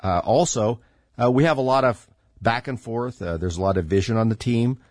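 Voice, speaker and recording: Here a middle-aged man speaks at medium pitch and moderate pace, his tone a little mellow but a bit stuffy from congestion. Hosting his own podcast, he rambles through casual political commentary with sardonic asides and frequent fillers. The recording is dry and studio quality.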